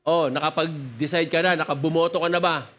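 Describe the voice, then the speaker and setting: A man's voice: a little high, steady tone, brisk, a bit bright, pitched below the performer's own voice, natural voice. A man doing a matter-of-fact heavenly gatekeeper. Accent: Filipino. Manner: plain, matter-of-fact instructions. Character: calm male gatekeeper saint, matter-of-fact.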